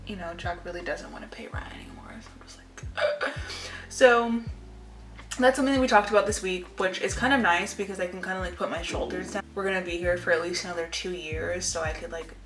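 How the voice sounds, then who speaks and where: A woman in her twenties chats informally with a fairly low voice, rambling and confiding as she goes. The room adds a clear echo, and music plays behind her. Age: 20s. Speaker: lifestyle vlogger. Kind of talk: casual chit-chat to camera. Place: indoor room at home.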